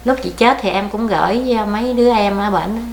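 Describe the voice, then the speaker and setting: An older woman, her accent Southern Vietnamese, shares her life story in a mournful, wandering manner during an oral history interview. Her medium-pitched voice is darkish and fairly quick, and the echoey room carries faint background noise.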